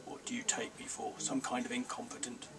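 A man voicing a proud, calm male bear who talks slowly and defiantly, in a storybook reading. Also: medium pitch, creaky, recorded from a distance, a crowd in the background, natural voice. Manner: slow, quiet, clipped and defiant.

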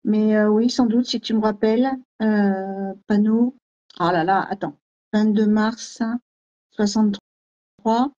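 A woman's voice: mid-range voice, fairly even intonation, takes it slowly, mellow, lo-fi sound. A woman hosting a live stream as a medium, greeting viewers and reading comments aloud in a scattered way. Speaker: host medium.

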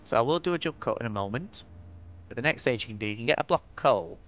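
A man's voice: mid-range voice, expressive, fast talker, fairly bright tone. A man from northwest England with a Lancashire accent, giving a casual, rambling, self-deprecating commentary as host of a game-building tutorial. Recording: dull lo-fi mic, clear background noise.

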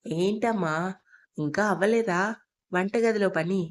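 A woman's voice: medium pitch, a little slow, lightly acted. A woman voicing an innocent little girl who keeps asking her mother questions in a Telugu audio story. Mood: curious. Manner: questioning, childlike.

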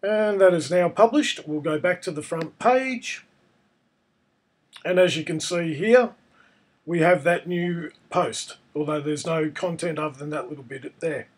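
In a noticeably high voice made husky, croaky and hoarse by a cold, a man narrates a casual screencast tutorial for some software. He takes an unhurried approach, talking through each step.

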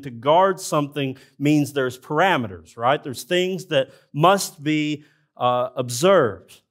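A man preaching a sermon in a church, speaking earnestly and addressing the congregation directly. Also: on the high side. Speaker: pastor. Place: church sanctuary.

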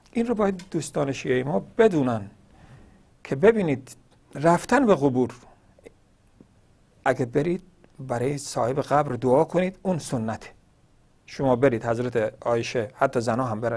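Guy hosting a religious call-in show, high voice swinging all over the place, argues hard, fires off rhetorical questions. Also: gravelly, a little mellow. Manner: argumentative, rhetorical questions, acts out quoted dialogue. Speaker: religious TV host answering callers. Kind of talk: impassioned call-in religious talk.

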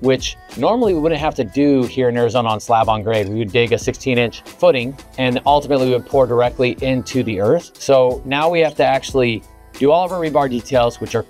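A man's voice: mid-range voice, darkish tone. A man in his thirties, a home builder, explaining basement construction step by step in an earnest, methodical way, recorded outdoors on a lapel mic. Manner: earnest, methodical, with filler words. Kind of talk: explanatory on-site walkthrough.

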